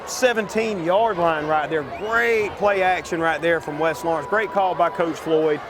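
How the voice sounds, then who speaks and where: A man's voice: a little high, a little slow. A man giving live commentary on a local football game. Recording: very noisy outdoor game, loud crowd.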